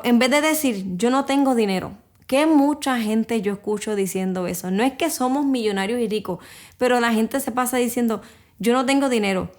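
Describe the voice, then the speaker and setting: A woman with a fairly high voice gives a motivational self-help talk on her podcast. She speaks directly to the listener, walking through everyday examples. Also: darkish tone.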